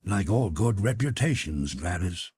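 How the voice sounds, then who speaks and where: Reading a novel aloud, a man voices a cynical, worldly middle-aged English lord fond of epigrams, drawling out clever sayings in a languid way. His delivery is low, sing-song and unhurried, with a darkish tone pitched above his natural voice. A faint hiss or hum sits under the recording.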